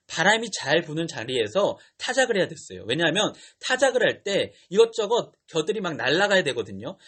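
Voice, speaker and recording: A young man preaching to teenagers as a youth pastor, retelling a Bible story in a lively way with slang and questions to the kids. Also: sits high, breathy edge.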